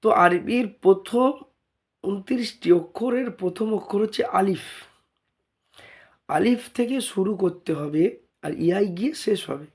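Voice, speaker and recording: A man from India with a Bengali accent teaching Arabic letters, repeating each sound several times in a slow spoken lesson. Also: high voice, husky.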